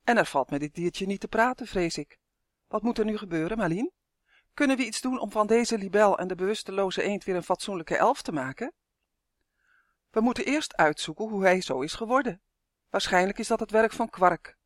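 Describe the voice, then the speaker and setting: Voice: mid-range voice, animated, normal speed, no echo, clean studio sound, natural voice. A reader voicing a firm, sensible woman who explains plainly and scolds. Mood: matter-of-fact.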